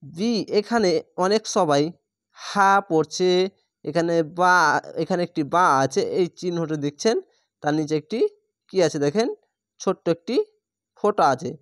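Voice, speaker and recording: A man's voice: high voice, normal speed, pauses often, no room sound, studio quality. A man teaching Quran reading, spelling out each letter and vowel mark one syllable at a time before reading the whole word.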